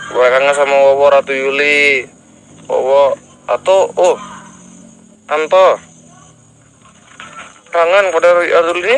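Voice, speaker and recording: A man's voice: a little high, a bit bright, slight background noise, low-quality recording. A man hosting, casually coaxing and questioning a spirit in a possession session, with hesitations. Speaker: host.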